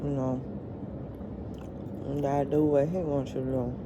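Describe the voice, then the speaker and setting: A middle-aged woman vlogger chatting casually to her viewers while eating, in a halting, colloquial way. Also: a bass voice, little pitch movement, muffled recording, noisy background.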